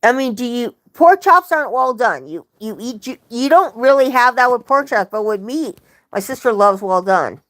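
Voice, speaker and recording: A woman's voice: on the high side, animated, moderate pace, fairly bright tone. A young woman chatting on a livestream, telling rambling family stories and often correcting herself. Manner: rambling, self-correcting storyteller. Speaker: livestream host. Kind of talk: casual livestream chat.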